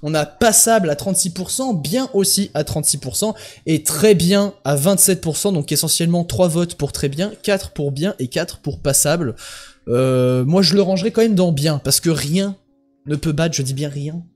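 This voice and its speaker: A man's voice: on the high side, normal speed, darkish tone, soft background music. A young man hosting a live stream in casual chat, joking and swearing lightly. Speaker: host.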